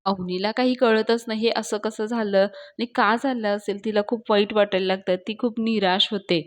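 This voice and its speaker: A woman narrating a brisk recap of a TV serial episode. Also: mid-range voice, fairly even intonation. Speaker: serial reviewer.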